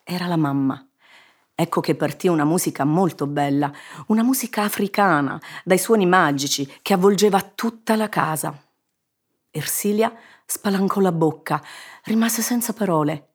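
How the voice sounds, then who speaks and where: A woman narrating a children's story in an expressive, measured reading. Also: fairly low pitch, slightly rough. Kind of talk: scripted narration.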